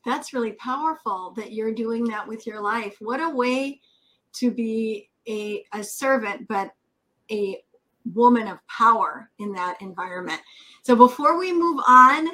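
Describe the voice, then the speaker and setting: High, bright, exuberant woman show host. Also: unhurried, low-quality recording. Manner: exuberant, emphatic. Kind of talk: enthusiastic show hosting and interviewing.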